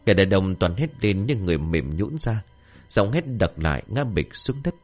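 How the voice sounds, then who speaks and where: Expressive low-voiced male storyteller. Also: normal speed, faint music behind. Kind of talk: folk tale narration.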